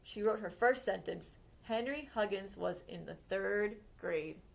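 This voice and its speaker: In a rough recording, a librarian with a medium-pitched voice and vocal fry reads a picture book biography for children. She gives it an expressive storytime feel, slowing down on the exciting moments.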